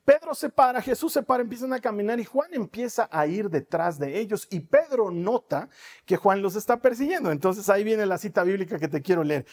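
High voice guy preaching, animated storytelling, laughs a lot. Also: brisk. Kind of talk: sermon.

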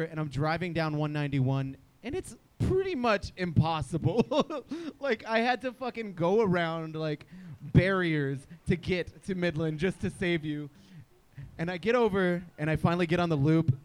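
A man with a high, lively voice that swings widely in pitch tells a story in casual podcast chat. He swears freely and laughs often as he goes. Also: clean tone. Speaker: podcast co-host. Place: live show at a sports bar.

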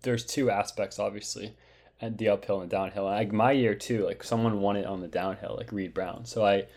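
A man's voice: fairly low pitch, steady tone, a little fast, darkish tone. A young man co-hosting a podcast, talking through a race in a hesitant, chatty way full of likes. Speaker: podcast co-host. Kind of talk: casual chat, asking about a race.

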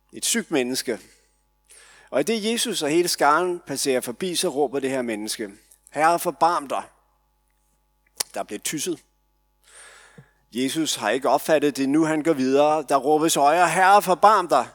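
A man leading prayer and preaching a sermon in a church, earnest and story-driven, swinging between quiet and loud. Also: medium pitch, dry recording.

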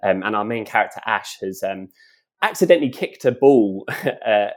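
A man's voice: lowish voice, expressive, moderate pace. A man, a children's author who chats in a podcast interview, laughs often, and reads his book aloud with drama.

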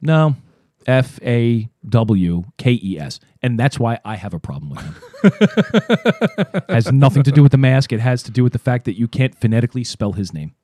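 A man's voice: mid-range voice, normal speed, no echo. A man with a cold and a nasal voice, co-hosting a podcast, ranting with lots of swearing. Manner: animated ranting, frequent swearing. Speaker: player and podcast co-host. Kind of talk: casual podcast banter.

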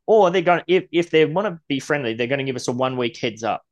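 A man co-hosting a casual podcast and venting in a blunt, sweary rant. His voice sits at a middling pitch for a man, and a slight lisp creeps in now and then as he gets heated. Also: animated, fast talker. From Australia. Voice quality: occasional lisp when ranting. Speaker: podcast co-host. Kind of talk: casual ranting chat.

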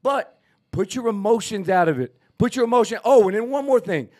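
With a high, animated, somewhat mellow voice and a brisk pace, this Texan co-host argues emphatically on a casual boxing talk show. His style is ranting and repetitive throughout the sports debate.

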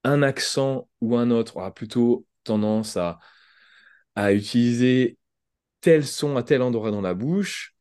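A man's voice: mid-range voice, a little slow, a little mellow, smooth, no echo, studio quality. A French man speaking as a podcast guest, explaining thoughtfully with examples and frequent restarts. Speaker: podcast guest, language entrepreneur. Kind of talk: conversational interview.

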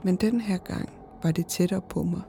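A woman narrating a horror story in the first person, in a slow, hushed and often whispered voice. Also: fairly low pitch, gravelly, a little hiss or hum.

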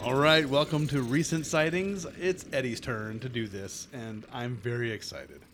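A man's voice: medium pitch, normal speed, noisy background. An American man chatting informally as a co-host of a podcast. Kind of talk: casual chat.

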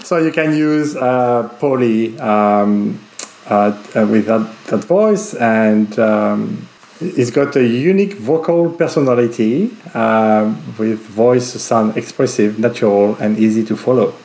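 A man's voice: medium pitch, unhurried, darkish tone. Cohost guy, mid voice, lots of uhs and ums, easygoing tech chat. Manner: hesitant, many fillers. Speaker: podcast co-host.

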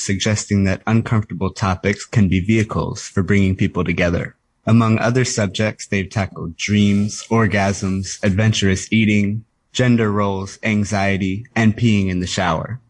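A male radio host with a fairly low voice, reading a scripted introduction with a light, wry touch. The sound is dry and close to the mic. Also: no echo, poor audio.

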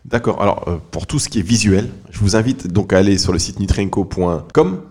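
A man's voice: lowish voice, lively intonation, fairly quick, darkish tone, slightly rough. A man hosting an audio podcast interview, guiding guests with questions and often repeating words as he searches for them. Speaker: podcast host. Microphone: audio podcast microphone.

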